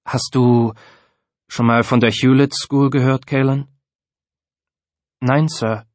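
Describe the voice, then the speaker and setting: A patient schoolteacher in a storybook reading, speaking in a calm, earnest, mid-pitched man's voice, as read by a man. The sound is close and dry. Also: slow pace, no room sound, close to an everyday voice. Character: adult male teacher, patient and earnest.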